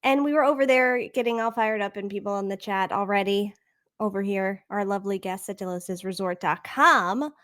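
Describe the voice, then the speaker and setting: A woman's voice: medium pitch, brisk, fairly bright tone. Wry woman co-host with short replies. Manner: dry, brief, wry replies. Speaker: podcast co-host. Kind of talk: casual podcast chat.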